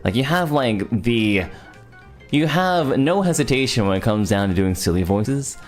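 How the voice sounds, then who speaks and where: A man hosting his birthday stream, chatting casually, excitable and laughing, with frequent stammered restarts. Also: medium pitch, unhurried, soft background music.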